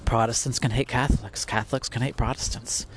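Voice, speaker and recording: A man's voice: medium pitch, steady tone, a little fast, slight background noise. Man musing through rhetorical questions. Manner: conversational, many restarts and rhetorical questions. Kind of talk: reflective casual monologue.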